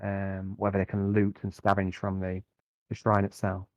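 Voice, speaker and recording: A man narrating a tabletop game as game master, improvising in a conversational, halting way and often repeating words. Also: deep voice, monotone, darkish tone, no echo, dull audio.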